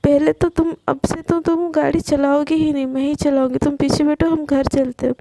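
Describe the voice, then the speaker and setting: A strict, caring young woman scolds and lectures in a spoken love story, as a woman puts her on. Her voice is high and mellow, with a touch of fry. The sound is dry. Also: level tone, normal speed, dry recording. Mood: scolding. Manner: scolding, stern.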